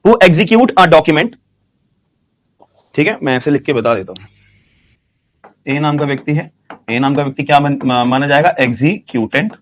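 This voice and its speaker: A man teaching a law class, speaking slowly and repeating questions and answers so students can write them down, with phrases. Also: mid-range voice, slight background noise. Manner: slow dictation, repeats questions and answers, frequent "ठीक है" checks. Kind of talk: classroom lecture.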